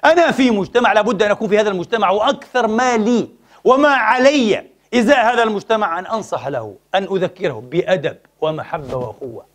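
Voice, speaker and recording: A man delivers a sermon in a high voice, full of passion. He speaks quickly and keeps pressing his listeners with pointed rhetorical questions. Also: animated. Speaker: preacher.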